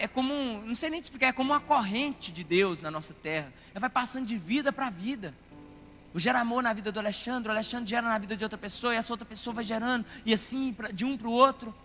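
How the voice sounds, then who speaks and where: A Brazilian man preaches with a very high, bright, ringing voice. He tells a story in an animated way, calling his listeners "querido" and asking for amens. The sound rings out through a reverberant church hall over faint music. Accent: Brazilian Portuguese. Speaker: pastor. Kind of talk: storytelling sermon.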